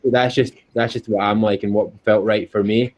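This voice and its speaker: A Scottish man with a fairly low, steady voice speaks at normal speed as the guest in a casual interview chat. As an endurance cyclist, he talks earnestly and repeats himself frequently, over dull, lo-fi call audio.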